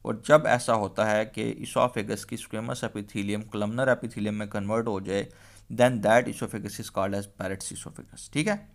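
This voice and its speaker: A man lectures medical students at an unhurried pace. His low voice has a gravelly edge. He repeats the key terms as he explains each answer. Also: fairly even intonation. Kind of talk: exam-prep lecture mixing Hindi-Urdu and English.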